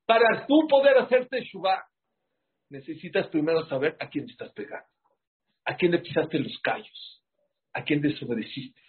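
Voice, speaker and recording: A man preaches with emphatic force and keeps asking his listeners questions. His voice sits a little high and sounds very husky. The recording is muffled and lo-fi. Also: moderate pace. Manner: rhetorical questions, animated and emphatic. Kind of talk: sermon.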